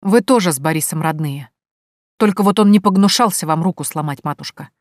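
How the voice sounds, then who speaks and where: A woman reading an audiobook, voicing a calm, firm young pregnant woman who speaks in a cold, measured way. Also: lowish voice, dry recording, studio quality, lightly acted.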